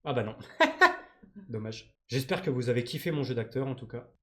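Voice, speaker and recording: A man's voice: mid-range voice, animated, moderate pace. A man from France streaming a game live, chatting with his viewers in slangy, joking banter. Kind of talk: live-stream gaming commentary.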